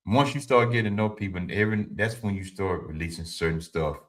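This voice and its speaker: Low-pitched and fast, a livestream host in his fifties lectures his live audience with informal, preachy motivational advice. He answers the chat and circles back to the same points again and again.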